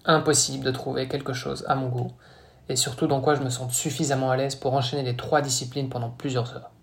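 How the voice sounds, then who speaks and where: A man, a podcast co-host, reads a scripted sponsor message. His delivery is brisk and smooth, with a mid-range voice. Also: medium pitch, little pitch movement. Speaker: podcast co-host and brand founder. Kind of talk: scripted ad read.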